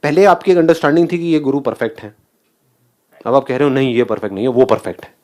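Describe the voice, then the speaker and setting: A man's voice: medium pitch, fairly even intonation, fast, a little mellow. A man giving a motivational talk, asking the audience questions and mixing English phrases into his speech. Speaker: motivational speaker.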